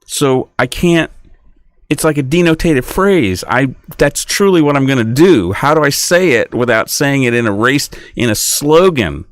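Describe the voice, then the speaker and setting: A man talks alone into the mic in a rambling, indignant podcast monologue. His pitch swings widely as he jumps between voices for imagined arguments. The sound is close and dry, with little room around it. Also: expressive, normal speed, no room sound. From United States. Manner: rambling, indignant, acts out imagined dialogues in raised voice. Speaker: podcast host. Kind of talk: casual monologue.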